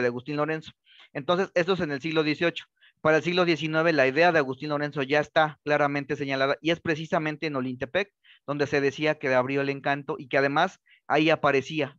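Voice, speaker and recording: A man delivers a history lecture, his voice sitting slightly high for a man. He talks in a halting way, full of fillers, restarts and rhetorical question tags. The sound is dry and a little muffled. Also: fairly bright tone, no echo. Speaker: historian giving a talk. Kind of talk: academic lecture.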